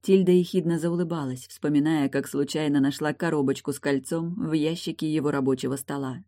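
Even audiobook narrator, dry close sound. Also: mid-range voice, fairly quick, no echo. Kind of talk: scripted narration.

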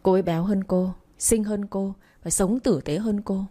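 A cold, arrogant young man, as a woman narrator reads him, snapping curt and dismissive orders. The voice is mellow and warm, at a middle pitch. He speaks as a figure in a read-aloud romance story. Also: steady tone, normal speed, lightly acted.

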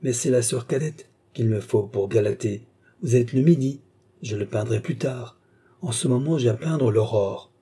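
Brief: polite young painter, gallant, very dark husky voice, read by a man. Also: mid-range voice, moderate pace, lightly acted. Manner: polished, gallant. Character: courteous young male painter.

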